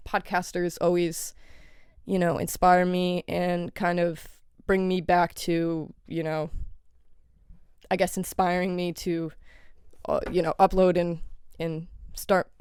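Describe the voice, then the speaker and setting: Congested with a cold, a young podcast host rambles through a casual solo monologue, speaking candidly and packing in swear words and fillers. Her mid-range voice sounds smooth, with no room sound and studio-quality recording.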